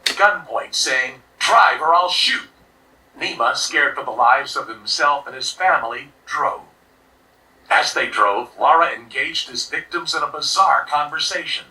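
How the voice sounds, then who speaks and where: A man giving scripted true crime narration in a steady, serious way, played back from a video. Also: fairly high pitch, measured pace, recorded from a distance, low-quality recording. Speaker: documentary narrator.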